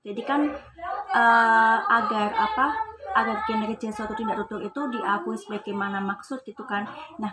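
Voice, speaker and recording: A young female student from Indonesia, with an Indonesian accent and a mid-range voice, gives a class presentation on a very noisy recording. She reads out English definitions, then explains them in casual, chatty terms.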